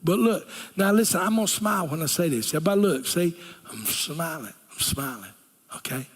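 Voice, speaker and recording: A man's voice: on the high side, animated, fairly quick, husky. An older man preaching a sermon as a pastor, folksy and earnest, dropping to a whisper for key lines. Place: church sanctuary. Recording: church hall reverb.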